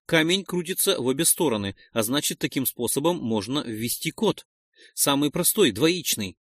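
A man voicing a young former guide, earnest and anxious, quick to argue. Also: on the high side, no echo, clean studio sound. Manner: pleading, excitable, quick to argue. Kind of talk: audiobook character voice.

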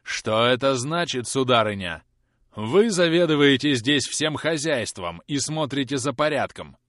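A man reading an audiobook aloud, voicing a stern, pompous wealthy gentleman who speaks in a cold, commanding tone. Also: medium pitch, lively intonation, unhurried, dry recording, studio quality, voice pushed up. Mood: indignant. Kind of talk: audiobook character voice.

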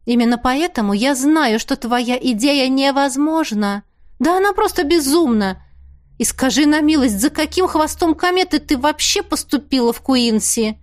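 A woman's voice: sits high, lively intonation, moderate pace, pitched above the performer's own voice. Donna, a woman playing a dry, stern lawyer. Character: cool, sharp-tongued woman lawyer.

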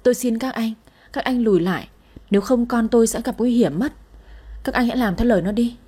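A woman's voice: a little high, fairly quick, dark tone, slightly rough. A woman voicing a desperate middle-aged father pleading with a gunman and comforting his daughter. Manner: pleading, soothing.

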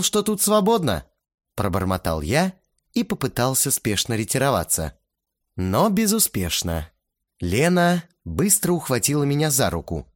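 A man's voice: mid-range voice, no echo, studio quality. A man narrating a first-person audiobook in a wry, sardonic manner.

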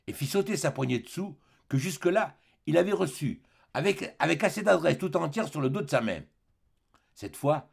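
A man reading a classic novel aloud as an audiobook narrator, with an expressive, dramatic delivery. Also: on the high side, creaky, slightly rough. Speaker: audiobook reader. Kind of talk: scripted narration.

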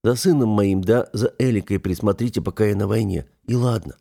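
A man's voice: on the low side, brisk, vocal fry, mellow. Man as a wry practical young hero. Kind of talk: audiobook character voice.

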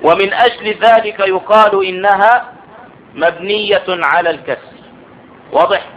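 A man's voice: sits high, a little slow. A man teaching grammar in a classroom lesson, explaining step by step and often checking that his students follow. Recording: dull lo-fi audio with faint noise.

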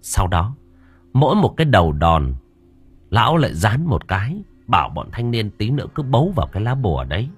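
Lively low-voiced male audiobook narrator. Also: a little fast, husky, faint music behind. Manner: expressive, animated storytelling. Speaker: storyteller.

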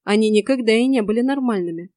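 A woman's voice: on the high side, fast, warm tone, dry recording, studio quality, natural voice. A woman voicing a loyal, earnest young male werecat in an audiobook, speaking in a pleading way.

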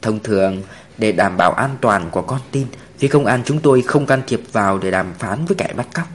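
A man as a calm, measured policeman. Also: lowish voice, a little hiss or hum, pitched below the performer's own voice, natural voice.

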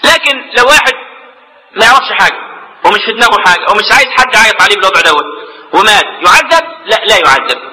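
A quick-talking Egyptian sheikh delivers a religious lecture in a high, sharply bright voice. He breaks into colloquial asides and repeats words while searching for them. A long reverb trails his voice through the hall. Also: animated. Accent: Egyptian Arabic. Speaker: sheikh teaching jurisprudence.

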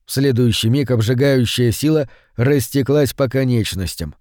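A man narrates a horror audiobook in a steady, measured way. His voice sits at a middle pitch. The recording is close and dry. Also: no echo.

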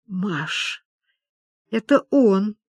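A woman voicing a gentle old woman who pities the boy, reading a story aloud. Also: a little high, big pitch swings, measured pace, dry recording, studio quality, pitched above the performer's own voice. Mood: soft-hearted. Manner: gentle, pitying.

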